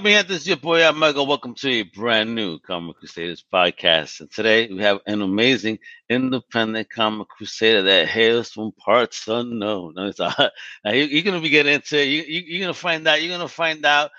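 A man's voice: medium pitch, normal speed, pushed and bright, dry recording, muffled recording. A man hosting a casual podcast interview, hyped and slangy with playful banter. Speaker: podcast host.

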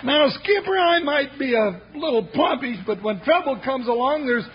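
An actor playing a plump, good-natured deputy sidekick in a 1950s radio western, with a folksy, rustic, exclamatory way of talking. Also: male voice, very high voice, lively intonation, moderate pace. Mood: blustering. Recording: muffled old radio broadcast.

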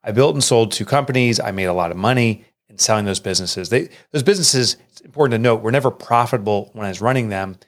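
A middle-aged man, an author and entrepreneur, telling a personal story in an interview in an earnest, emotional way, jumping up in pitch when he quotes people. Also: fast, few pauses.

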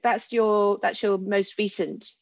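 A woman interviewing a guest on a podcast, asking quick prompting questions. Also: medium pitch, flat delivery, vocal fry, dry recording, lo-fi sound. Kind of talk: conversational interview.

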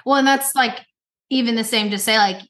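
A woman's voice: on the high side, fairly quick, fairly bright tone. A woman co-hosting a faith podcast, explaining in an encouraging, casual way with "like" fillers. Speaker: podcast co-host.

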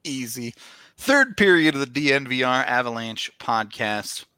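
A man's voice: mid-range voice, animated, unhurried, pushed and bright, clear, resonant tone, no echo. A man hosting a sports podcast, talking casually and reading sponsor spots himself. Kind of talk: casual sports podcast talk with host-read ads.

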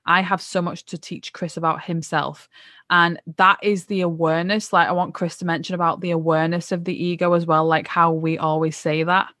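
A woman's voice: lowish voice, flat delivery, a little fast, fairly bright tone, no room sound, clean studio sound. A woman co-hosting a relationship podcast, speaking in a conversational, spiritual way. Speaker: podcast co-host. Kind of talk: casual reflective chat.

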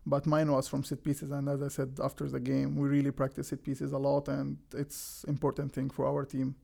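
Egyptian-accented young pro athlete, flat, gravelly delivery, earnest and simple interview answers. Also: male voice, mid-range voice, moderate pace. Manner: plain, earnest, simple non-native phrasing with restarts. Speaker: guest, professional soccer defender.

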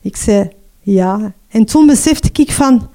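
A middle-aged Flemish woman telling her own story as a mother, emotional and halting, often restarting and adding "hè". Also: a little high, lively intonation, mellow. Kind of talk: personal testimony.

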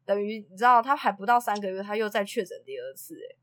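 A woman's voice: mid-range voice, fast. A woman, a preschool teacher telling anecdotes in a casual chat and acting out the quotes. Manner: animated storyteller who acts out quotes and laughs often. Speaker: preschool teacher and podcast co-host.

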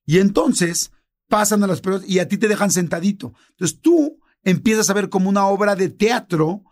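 A man's voice: high voice, moderate pace. A middle-aged man with a Mexican accent, casually telling a story on a podcast and acting out the dialogue. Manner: animated, acts out quoted dialogue in many voices. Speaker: podcast co-host.

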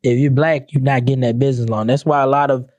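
A young adult man ranting comedically to camera, profane and animated, breaking into mock-sung lyrics. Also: mid-range voice, quick pace, no echo. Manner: animated, profane, sings song lyrics mockingly. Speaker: commentator.

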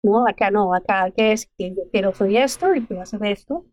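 A middle-aged Colombian woman speaks as a guest in an interview, giving advice in a steady, earnest way. Her voice sits at a moderate pitch. The sound is dry and close, with no room echo. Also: a little fast. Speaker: medical geneticist, podcast guest. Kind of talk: interview answers.

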